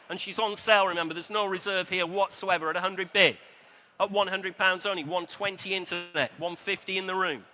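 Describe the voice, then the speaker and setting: A man with a British accent working as an auctioneer, calling a live sale in a brisk chant of repeated bids. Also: high-pitched, bright, forceful tone.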